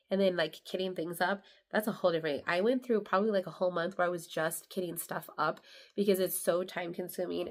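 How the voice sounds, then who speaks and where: A congested young woman with a slightly low voice talks through her hobby in a loose, rambling way. She leans on lots of "um"s and "like"s, as in an easygoing personal vlog. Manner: rambling, filler-heavy, chatty. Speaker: crafting vlogger. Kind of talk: casual chat.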